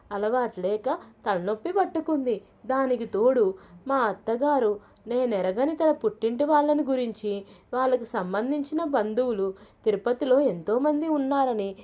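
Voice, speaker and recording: A woman with a slightly high voice reads a humorous short story aloud. Her telling is lively and expressive, as a regular storyteller would narrate.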